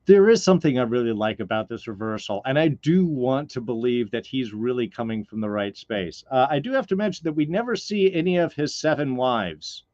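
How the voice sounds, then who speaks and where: A man's voice: mid-range voice, lively intonation, a little fast, few pauses, a little mellow, no echo, dull audio. A man hosting a casual review podcast, rambling and hedging with lots of fillers. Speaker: podcast host.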